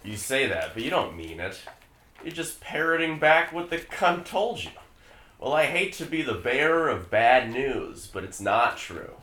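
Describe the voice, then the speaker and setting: A man's voice: mid-range voice, very animated, unhurried, reverberant. A man playing a desperate, cruel father. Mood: raging. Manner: pleading, then turns cruel and shouting. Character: desperate, bitter middle-aged father. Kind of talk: comedy script table read.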